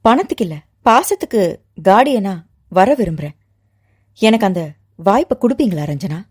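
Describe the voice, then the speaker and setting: A calm grown man who never rushes a word, as a woman storyteller puts him on. His speech is steady and measured, with a pitch that moves freely and a middle-height tone. A patient, unruffled adult in an audio novel. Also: slightly rough. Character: calm, composed grown man asking to be guardian.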